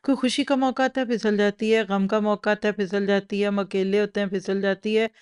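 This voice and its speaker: A woman delivering a Quran lesson in a lively teaching manner. She keeps turning to her listeners with rhetorical questions. Her voice sits at an ordinary middle pitch for a woman. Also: brisk, clean tone. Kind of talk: religious lecture.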